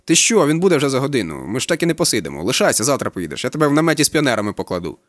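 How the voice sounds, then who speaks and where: A man's voice: mid-range voice, big pitch swings, racing, no room sound, studio quality, natural voice. A man reading aloud voices a crude, offhand young man who talks in blunt slang, in an audiobook. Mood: coaxing. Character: crude young man, cheerful camp worker.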